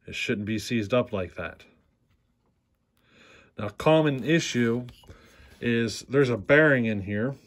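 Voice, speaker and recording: A man in a workshop demonstrating a chainsaw repair, talking plainly and unhurriedly, often asking "see how". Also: lowish voice. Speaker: chainsaw repair channel host. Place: workshop bench.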